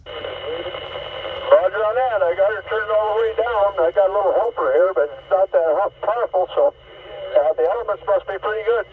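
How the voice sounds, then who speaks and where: A man's voice comes in over a CB radio on sideband, a little mistuned. The sound is muffled and lo-fi, with faint hiss under it. He sits high in pitch for a man and speaks in calm, clipped radio procedure. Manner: measured radio-procedure talk. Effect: slightly mistuned sideband CB radio signal. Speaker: CB radio operator on the air. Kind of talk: on-air radio exchange ending turns with "roger".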